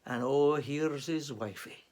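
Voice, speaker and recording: A man's voice: on the high side, takes it slowly, darkish tone. A man, an author, giving a chatty, reflective talk to camera full of rhetorical questions.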